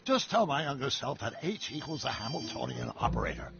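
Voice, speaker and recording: An actor playing an older, eccentric scientist who talks with lively excitement in a video game. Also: male voice, mid-range voice, fairly quick, vocal fry. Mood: quirky. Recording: dull lo-fi game audio with music.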